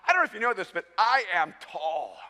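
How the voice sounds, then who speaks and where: High, bright-voiced man preaching in a hall. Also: brisk. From El Salvador. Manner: animated, self-mocking humor with frequent stammered restarts. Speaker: pastor. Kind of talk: sermon. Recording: long hall reverb.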